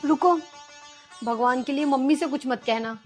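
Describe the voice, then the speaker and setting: An actress playing a patient, pleading young daughter-in-law in a village film drama. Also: female voice, sits high, normal speed, faint music behind, close to an everyday voice. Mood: calm. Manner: pleading, long-suffering.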